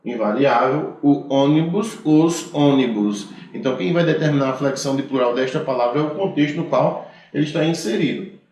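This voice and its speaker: A man's voice: mid-range voice, brisk, a little mellow. A male teacher with a Brazilian Portuguese accent giving a grammar lecture, explaining rules step by step and often checking in with "tá certo?". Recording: very echoey room.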